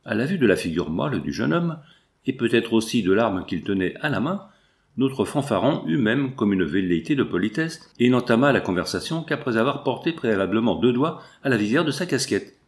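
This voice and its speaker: A man narrating a classic novel in a measured, even storytelling manner. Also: medium pitch. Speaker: audiobook narrator.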